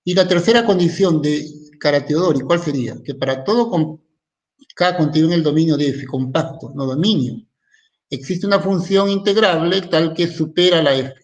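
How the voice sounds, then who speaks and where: A man's voice: a little high, normal speed. A man teaching a recorded university math lecture in in, thinking aloud and often stopping to ask "¿no?".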